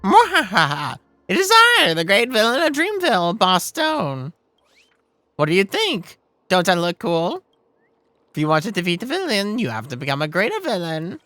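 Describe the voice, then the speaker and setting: Loud boastful game villain, theatrical and gleeful, voice pitched way up. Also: male voice, huge pitch swings, normal speed, no room sound, full character voice. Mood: gleeful boasting.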